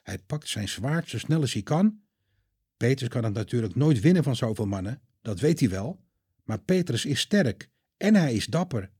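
A man narrating a Bible story for children in a calm, clear storytelling manner. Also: medium pitch, normal speed, dry recording, studio quality.

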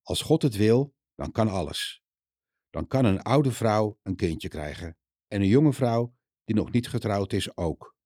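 Calm, reassuring male angel from a storybook, slow and soft-toned, read by a man. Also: on the low side, dry recording, studio quality. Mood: gentle.

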